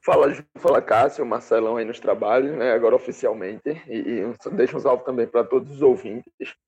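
Man, football analyst, gravelly, husky, relaxed, muffled remote audio. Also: medium pitch, brisk. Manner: relaxed, greeting listeners. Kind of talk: remote talk show contribution.

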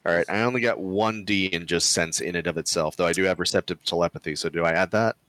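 A man's voice: sits low, quick pace, a bit bright, dry recording. A man playing in a tabletop game, talking hesitantly and thinking aloud. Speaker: player. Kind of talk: casual tabletop game chat.

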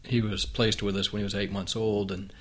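A man hosting a conversation with his wife, reflective and unhurried, with frequent restarts. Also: fairly low pitch, flat delivery. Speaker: podcast host and author.

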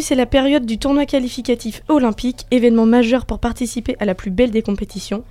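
Female radio sports columnist, fairly high soft-toned voice, dry close studio sound, conversational report. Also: dry recording. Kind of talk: semi-scripted sports report with casual exchanges.

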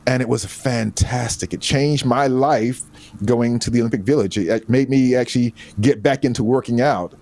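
A man being interviewed as a photographer, telling his story in a relaxed, easygoing way. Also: mid-range voice, normal speed. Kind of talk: casual interview chat.

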